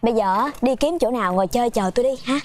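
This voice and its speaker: An actress playing a brisk, casual woman. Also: on the high side, a little hiss or hum, close to an everyday voice.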